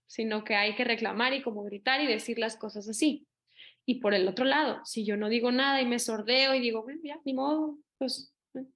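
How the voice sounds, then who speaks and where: Lively woman giving an online talk. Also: on the high side. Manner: lively, acts out quoted voices. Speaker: speaker on child abuse prevention.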